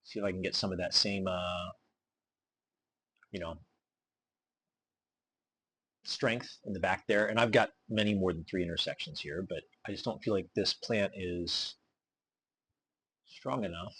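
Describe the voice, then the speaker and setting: A man narrating his bonsai vlog, talking slowly and deliberately with many fillers as he works on his trees. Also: deep voice, a bit bright, slightly rough, no echo. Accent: regional accent. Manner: deliberate, slow, filler-heavy explaining while pruning. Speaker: bonsai hobbyist vlogger. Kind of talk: casual hobby vlog narration.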